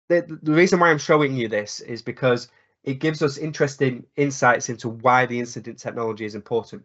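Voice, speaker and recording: A croaky-voiced man presenting a live technical webinar, explaining at length with many fillers and restarts. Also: medium pitch, fairly bright tone. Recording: dull lo-fi webinar audio.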